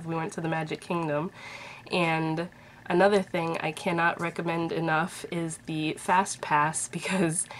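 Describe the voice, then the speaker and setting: At a desk in her bedroom, a Massachusetts vlogger in her thirties chats casually to her webcam, her voice stuffy with a head cold. She rambles cheerfully at a slightly low pitch, and a faint hiss runs beneath the recording.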